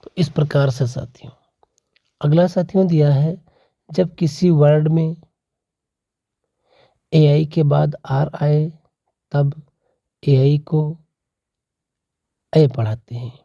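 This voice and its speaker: A teacher giving a slow spoken pronunciation lesson, reading out word lists one word at a time and addressing viewers as companions. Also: mid-range voice, fairly even intonation, vocal fry, dark tone, dry recording.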